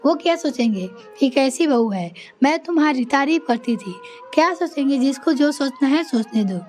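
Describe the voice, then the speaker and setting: A woman's voice: high voice, expressive, moderate pace, darkish tone, faint music behind. A woman voicing a boastful middle-aged woman who complains about her daughter-in-law, in a storybook tale.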